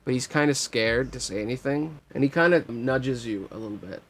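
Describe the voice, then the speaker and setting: A man's voice: medium pitch, brisk, fairly bright tone, a little hiss or hum. A man narrating a tabletop game as game master, telling the story casually with lots of fillers.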